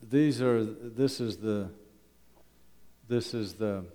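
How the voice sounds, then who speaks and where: Speaking slowly in a warm, lowish voice, this older or middle-aged man from Canada runs a wilderness school and is presenting with slides at church. His talk to the congregation is humorous and chatty, full of rhetorical questions, captured in an echoey hall with lengthy reverb.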